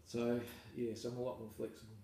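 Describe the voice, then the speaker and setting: Australian male farmer, relaxed self-deprecating interviewee, distant mic in a very echoey space. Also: mid-range voice, fairly quick. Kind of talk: casual interview. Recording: echoey room, mic far off, faint noise.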